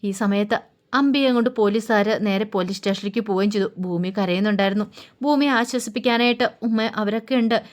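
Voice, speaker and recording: Brief: woman storyteller, casual colloquial serial recap, fills pauses with soft hums. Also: mid-range voice. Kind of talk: casual retelling of a TV serial episode.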